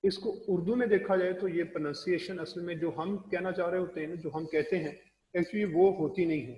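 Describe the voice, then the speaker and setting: A man teaching English pronunciation in a recorded classroom lecture, explaining slowly and spelling words out letter by letter. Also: high voice, fairly even intonation, darkish tone, reverberant, big-room sound, lo-fi sound, slight background noise.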